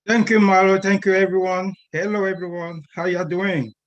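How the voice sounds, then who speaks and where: A man's voice: sits high, level tone, moderate pace, highs cut off. A man from Cameroon, speaking earnestly at an online group meeting and often repeating words as he searches for them. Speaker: guest speaker.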